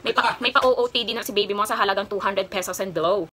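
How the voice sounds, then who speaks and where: A woman's voice: medium pitch, fairly even intonation, racing. Chatty young woman, noisy home recording. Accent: Kapampangan. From Philippines. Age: 20s. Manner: chatty, rambling, with frequent fillers. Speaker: vlogger. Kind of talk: casual haul vlog and personal story.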